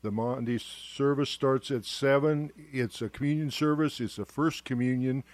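A man appears as a guest on a radio interview, running through upcoming church events plainly and matter-of-factly. His voice sits at a middle pitch. The recording sounds dry and close, with little room sound. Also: moderate pace, dry recording. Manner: plain, matter-of-fact announcing.

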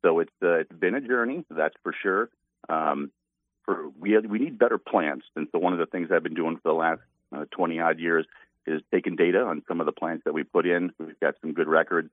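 A man's voice: low voice, a little fast, no echo. A man from north central Iowa, a hazelnut farmer talking in an easygoing way on a radio interview, with many "uh" fillers. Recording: tinny phone line.

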